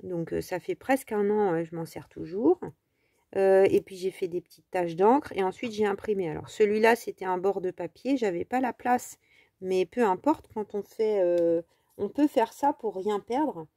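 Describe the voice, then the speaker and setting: French lady rambling through a craft tutorial, soft dark voice, dry close mic. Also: medium pitch, moderate pace, dry recording. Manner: chatty, rambling, many fillers.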